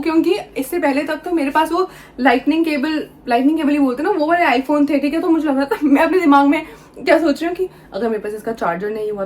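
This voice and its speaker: A young woman vlogger telling an animated storytime tale, switching freely between Hindi and English. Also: sits high. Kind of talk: storytime vlog.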